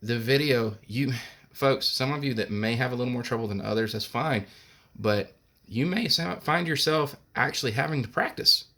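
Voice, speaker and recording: A man's voice: mid-range voice, moderate pace, sharp tone. A man teaching a recorded music lesson. He talks patiently, explains each step and sings solfege syllables.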